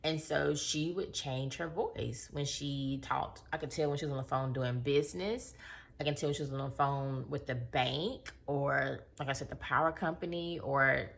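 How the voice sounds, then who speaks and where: A woman's voice: rumbling low, steady tone, moderate pace, vocal fry. A woman in her thirties telling a story and reviewing a book in casual, conversational chat, with emphatic asides.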